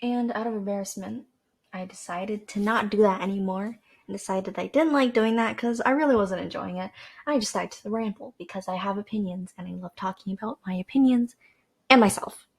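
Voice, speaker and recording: Husky and touched with vocal fry, the mid-range voice of this young Canadian podcast host moves fairly quickly. She rambles casually and self-deprecatingly into a desk microphone with a cord, restarting and using fillers as she goes.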